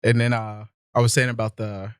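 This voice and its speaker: A man's voice: fairly low pitch, flat delivery, a little fast, clean tone, dry recording, studio quality. A young man, a podcast guest, telling stories in a loose, laid-back way, laughing often. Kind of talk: casual storytelling. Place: podcast studio.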